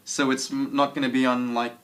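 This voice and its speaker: A man's voice: mid-range voice, flat delivery, a little fast. Guy rambling on a geek podcast, lots of ums and uhs. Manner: rambling, hesitant, many fillers. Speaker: co-host. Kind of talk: casual chat about a TV trailer.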